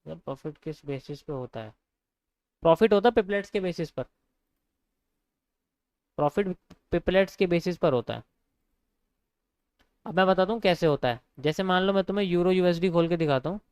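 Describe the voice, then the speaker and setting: A man's voice: high voice, normal speed, pauses often, darkish tone, smooth, dry recording. A young man giving a casual live lesson on trading, repeating his points and calling viewers bro. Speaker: trading teacher.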